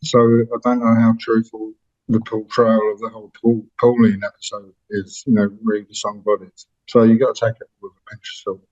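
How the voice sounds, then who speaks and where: A man's voice: on the low side, little pitch movement, normal speed, a little mellow. A man in his sixties, a musician being interviewed, telling stories in a rambling way and often correcting himself mid-sentence. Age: 60s. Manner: rambling, self-correcting storyteller. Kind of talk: casual anecdotal chat. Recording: dull lo-fi sound.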